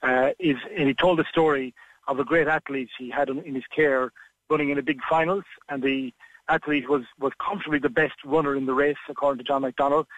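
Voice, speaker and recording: A man's voice: mid-range voice, steady tone, a little fast, fairly bright tone, no echo, lo-fi sound. A man giving frank, discursive interview advice on a radio call-in, with many fillers and restarts. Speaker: interview coach.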